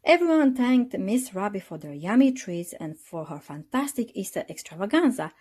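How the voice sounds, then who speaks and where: Reading from a children's storybook, a woman narrates with lots of expression in a husky, mid-range voice at an ordinary pace.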